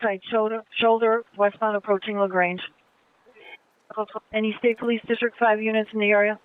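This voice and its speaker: A man's voice: high-pitched, flat delivery, normal speed, clean tone. A man dispatching over police radio, repeating back each report in short clipped phrases. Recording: tinny police radio transmission.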